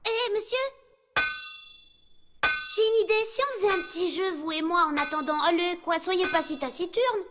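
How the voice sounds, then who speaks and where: A very high, cheeky young heroine. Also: female voice, moderate pace, pauses often. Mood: chatty. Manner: teasing and chatty. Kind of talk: anime French dub. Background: music.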